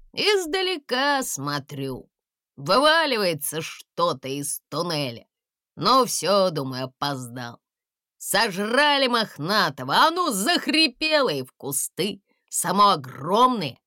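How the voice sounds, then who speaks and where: A woman's voice: fairly low pitch, sing-song, slow pace, pushed and bright, dry recording, clean studio sound, exaggerated voice. A woman voicing a gloomy, mysterious forest voice that gives ominous warnings.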